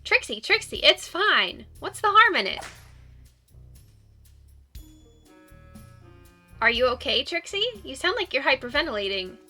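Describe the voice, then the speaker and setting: Woman voicing a bright, high-pitched cheerful young woman. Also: big pitch swings, quick pace, soft background music, full character voice. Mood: playful, reassuring. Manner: perky, encouraging.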